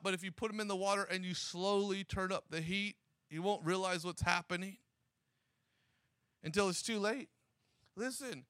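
A male preacher delivers an exhorting sermon, driving his points home through repetition. His voice sits unusually high and rings bright and forceful. The sound is dry and close, with no room echo. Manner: energetic and exhorting, with repeated phrases.

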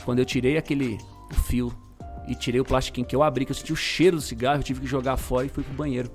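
A man's voice: medium pitch, fairly even intonation, racing, faint music behind. A middle-aged Brazilian man tells his conversion testimony in a slangy, emphatic way. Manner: slangy, emphatic storyteller, bursts of loudness. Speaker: guest sharing conversion testimony. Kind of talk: casual testimony chat.

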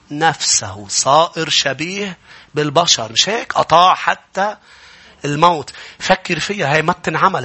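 A man with a Lebanese Arabic accent preaching a sermon as pastor, moving from calm teaching to a fervent call to the congregation. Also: fairly high pitch. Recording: music playing behind the voice.

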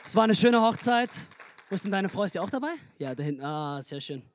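A man's voice: high voice, expressive, quick pace, some chatter behind, a little hiss or hum. Joking man preaching from a church stage. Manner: humorous, chatty, laughs at own jokes. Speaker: pastor. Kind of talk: sermon.

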